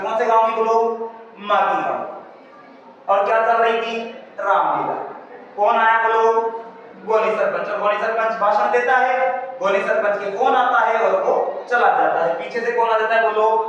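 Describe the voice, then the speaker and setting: High-voiced teacher in an echoey classroom. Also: male voice, a bit bright, slight background noise. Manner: call-and-response questioning, addressing students as beta. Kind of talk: classroom exam-prep lesson. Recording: echoey room from far off, dull lo-fi sound.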